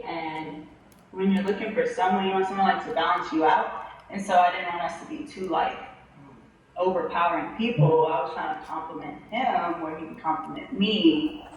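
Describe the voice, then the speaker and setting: Woman in a very echoey room, lowish voice. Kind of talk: casual conversational explaining. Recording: very echoey, distant mic, faint noise.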